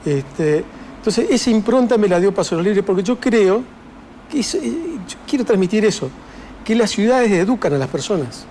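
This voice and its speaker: An older man with an Argentine Spanish accent, appearing as an author guest in an interview conversation, speaks reflectively with many fillers and restarts. His voice is high, expressive, and a little mellow at normal speed, with slight background noise.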